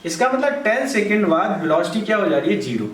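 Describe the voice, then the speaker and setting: Male physics tutor, high voice, quizzes the class and answers himself, stands off-mic in an echoey room. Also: big pitch swings, distant mic. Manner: asks questions and answers them himself, repeats key steps; reads problem text slowly and word by word. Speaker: physics teacher. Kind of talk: board lesson.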